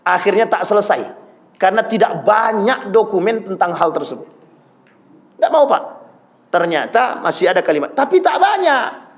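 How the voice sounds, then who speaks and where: A man's voice: high voice, expressive, moderate pace. A male preacher giving a sermon, speaking straight to his congregation and acting out the people he quotes. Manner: addresses the congregation directly, acts out quoted voices.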